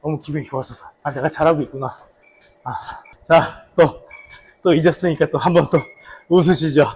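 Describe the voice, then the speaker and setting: A man with a slightly husky voice casually reminiscing for a vlog while out slow running. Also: on the high side, a little mellow, slight background noise. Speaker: actor, vlog host. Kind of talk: casual vlog reminiscing about a past drama role.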